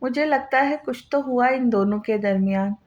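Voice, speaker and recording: Woman reading as a gentle young wife. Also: on the high side, normal speed, lo-fi sound, close to an everyday voice. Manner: soft, affectionate.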